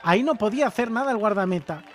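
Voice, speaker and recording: A male sports commentator calling live beach soccer, erupting into excited, shouted goal commentary with repeated calls. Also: high-pitched, fast, some chatter behind.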